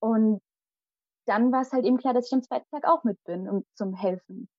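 In a muffled recording with no echo, a young woman who grew up speaking Malayalam shares a personal story as an interview guest. Her slightly high voice moves at a moderate pace, and her telling is animated and dramatic.

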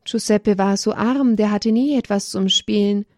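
A woman's voice: medium pitch, moderate pace, dry recording, clean studio sound, lightly acted. A woman voicing a sad young village boy in a children's story, in her plain reading voice. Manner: sad, quiet telling.

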